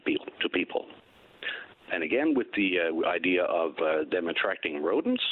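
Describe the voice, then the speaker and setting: Deep-voiced older man calling in by phone. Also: husky. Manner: earnest, insistent. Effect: heard over the phone. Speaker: caller. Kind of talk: call-in radio chat. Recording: narrow phone line.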